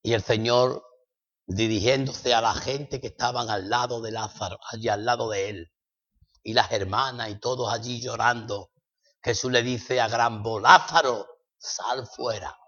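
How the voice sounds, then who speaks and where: A man from preaching a sermon, swinging dramatically between loud declarations and hushed passages. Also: mid-range voice, steady tone, moderate pace. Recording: echoey hall, dull lo-fi sound.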